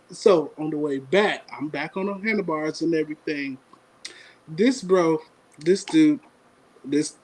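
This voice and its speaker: A man co-hosting a podcast, telling a story in casual chat, animated and laughing often as he acts out what people said. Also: high-pitched, poor audio. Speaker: podcast co-host.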